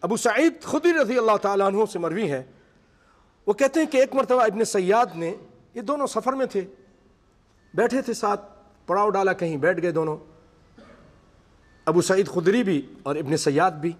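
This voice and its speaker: A man with a high voice preaches a sermon to a congregation seated in a mosque hall, pausing often. He recites Arabic passages and then explains them through vivid storytelling. Long, echoey hall reverb fills the recording.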